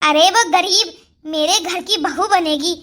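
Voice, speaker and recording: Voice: very high voice, a little slow, bright, forceful tone, exaggerated voice. A performer voicing a sly, bossy older mother-in-law in a Hindi cartoon story, scolding and plotting. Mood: scheming.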